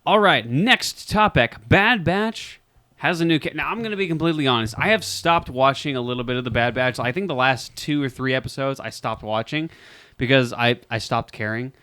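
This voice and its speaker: A man's voice: medium pitch, normal speed, bright, forceful tone, clean tone, no room sound. A man co-hosting a casual podcast chat, giving strong, emphatic opinions. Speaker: podcast co-host.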